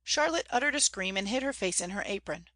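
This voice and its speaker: A woman reads a classic novel aloud at an even pitch, measured and expressive. Her voice sounds close and dry, with no room around it. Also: no room sound. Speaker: audiobook reader.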